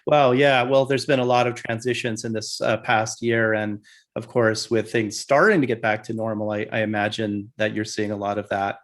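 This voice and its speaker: A man's voice: fairly low pitch, little pitch movement, moderate pace. Upbeat male podcast host. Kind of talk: interview hosting.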